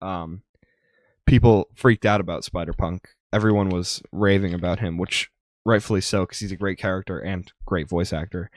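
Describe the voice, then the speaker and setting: A man's voice: sits low, fairly even intonation, moderate pace, no echo, studio quality. A young man co-hosting a podcast, chatting casually and rambling with lots of ums. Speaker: podcast co-host. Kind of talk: casual chat.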